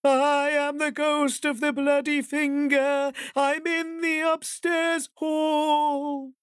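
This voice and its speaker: A man voicing a creepy ghost of a bloody finger, wailing slowly and drawn out. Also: extremely high pitch, flat delivery, fairly bright tone, no room sound, clean studio sound, voice pushed up, exaggerated voice. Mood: eerie.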